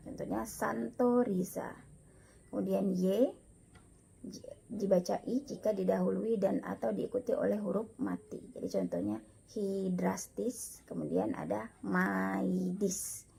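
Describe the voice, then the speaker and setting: A woman lecturer giving a recorded lesson, slow and patient, repeating each example aloud. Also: mid-range voice, gravelly, dark tone, a little hiss or hum. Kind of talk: recorded lecture on Latin pronunciation.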